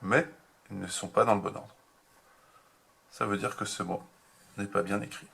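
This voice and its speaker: A man teaching a remote handwriting lesson to young children, slow and patient, spelling out each step. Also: lowish voice, steady tone, vocal fry, a bit bright, slightly rough. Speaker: kindergarten teacher.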